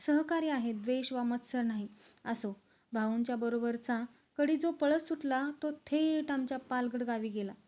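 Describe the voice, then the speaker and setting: Woman reading a classic story aloud. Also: high-pitched. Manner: steady, expressive storytelling. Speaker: narrator reading a classic book. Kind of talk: literary book reading. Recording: slightly dull, lo-fi recording.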